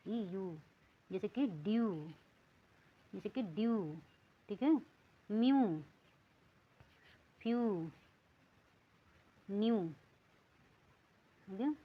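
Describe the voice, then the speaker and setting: A woman teaching English reading rules, saying words one at a time and repeating them slowly. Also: medium pitch, dull audio. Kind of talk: lesson.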